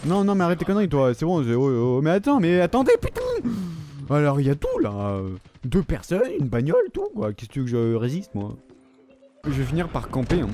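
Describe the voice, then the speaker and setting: A man giving excitable, slang-heavy commentary over his own gameplay, swearing often. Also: on the high side, a little hiss or hum. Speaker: gaming video creator.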